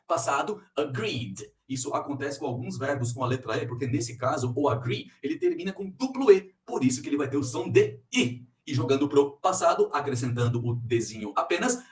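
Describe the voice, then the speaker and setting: A man teaching an English pronunciation lesson, explaining rules slowly and repeating each example word. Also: fairly high pitch, echoey room, recorded from a distance. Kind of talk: recorded online lesson.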